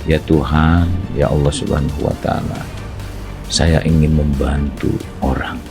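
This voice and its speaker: Deep gravelly man, distant, with music. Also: level tone, unhurried. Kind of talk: casual speech clip.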